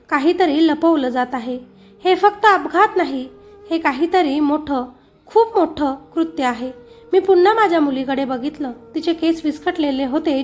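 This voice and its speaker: Female narrator, high voice, emotional grieving-mother storytelling over faint music. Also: darkish tone. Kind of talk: scripted first-person story narration.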